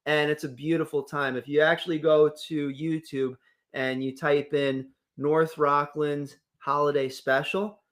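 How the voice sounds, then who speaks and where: A man's voice: a little high, flat delivery, measured pace, fairly bright tone. A man co-hosting a casual local morning radio show, upbeat and reading sponsor plugs with enthusiasm.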